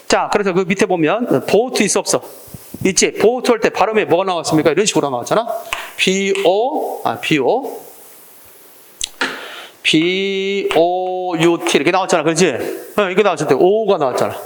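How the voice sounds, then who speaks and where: Animated Korean exam-prep lecturer, man. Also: fairly high pitch. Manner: animated, drills students with call-and-response prompts. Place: lecture classroom.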